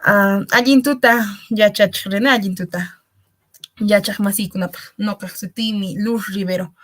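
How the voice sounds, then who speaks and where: Woman student reading vocab aloud, slow, bright and kinda high. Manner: reads word lists slowly, one item at a time.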